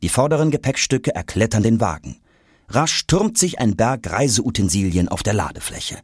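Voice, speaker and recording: A man narrating a children's audiobook in a lively, expressive way. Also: on the low side, normal speed, husky, no room sound, studio quality.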